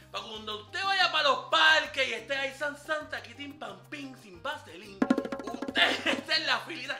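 A man's voice: very high-pitched, bright, forceful tone, exaggerated voice. A man playing a brash, flirty ladies'-man character who hands out dating tricks in swaggering, slangy banter in a comedy sketch. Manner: swaggering slangy banter, calls listener papá. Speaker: comic character giving dating tips. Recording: roomy echo.

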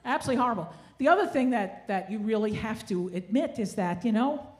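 A woman in her sixties does stand-up on an indoor theatre stage, kvetching into a handheld stage mic with wry, self-deprecating, Yiddish-inflected humor. Her voice is a little high and brisk, with lively intonation. The live stage ambience comes through with clear noise.

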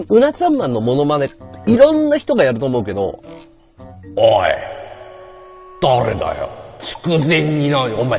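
A male livestreamer chatting casually with viewers, blunt and slangy. His pitch leaps up and down very expressively, and quiet music plays underneath. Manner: blunt slangy banter, reads viewer comments.

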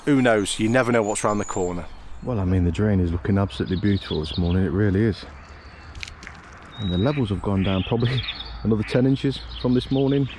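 A slightly mellow, lowish male voice moves at a fast clip over light background noise. He's narrating his fishing trip outdoors on a fenland drain bank in easygoing vlog fashion, talkative and prone to repeating "it really does."

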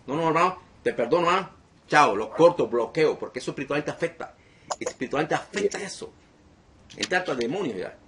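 A man's voice: a little high, expressive, fast talker, fairly bright tone, a little hiss or hum. A man preaching as a deliverance minister to an online group, emphatic and repeating phrases again and again.

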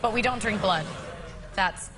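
A woman's voice: mid-range voice, unhurried. A young woman guesting on a talk show, chatty and jokey, poking fun at herself with lots of fillers. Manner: chatty, jokey and self-mocking, with many fillers. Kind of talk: casual talk show interview. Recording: noisy TV clip audio.

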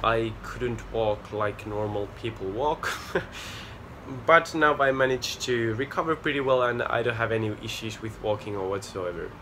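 On a small outdoor porch, a young Finnish man doing a charity walk talks casually into a close-range camera. His voice is lowish with a little hiss or hum, and he comes across as earnest and a bit sheepish, with filler pauses.

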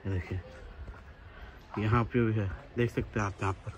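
A man's voice: fairly low pitch, fairly even intonation, normal speed, a little hiss or hum. A man filming a walking tour on his phone outdoors, chatting and pointing things out as he goes. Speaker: vlogger and interviewer. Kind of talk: walking tour vlog commentary. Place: outdoors walking around an old bungalow compound. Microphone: phone camera held by the speaker.

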